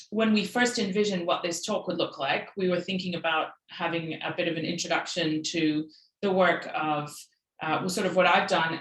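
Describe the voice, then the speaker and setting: A woman from Peru giving a measured, thoughtful online talk over a video call, pausing softly with fillers. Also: lowish voice, echoey room, low-quality recording. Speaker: guest speaker.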